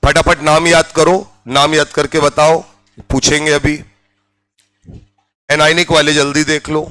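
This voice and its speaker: A man's voice: fairly high pitch, flat delivery, unhurried, sharp tone, dry recording, rough recording. A man teaching a chemistry class in Hindi, drilling students with repeated check-in questions and spelling out each term. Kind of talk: classroom lecture.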